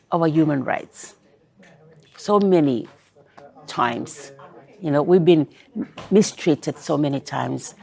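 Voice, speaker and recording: An older woman from Kiribati who grew up in Fiji, speaking as an interview guest about her activism, thoughtful and pausing often to restart her sentences. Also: on the low side, vocal fry, warm tone. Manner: thoughtful, with many pauses and restarts. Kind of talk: conversational interview.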